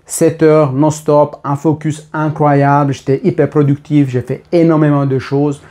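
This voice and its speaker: A man's voice: on the high side, level tone, measured pace, mellow. A man in his thirties talking casually and spontaneously to camera, rambling with many fillers and restarts. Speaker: vlogger.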